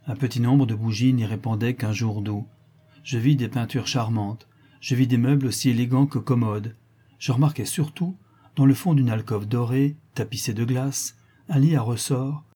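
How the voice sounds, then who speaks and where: A man narrating a classic novel as an audiobook, with a measured, expressive reading full of pauses. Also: mid-range voice, slightly rough.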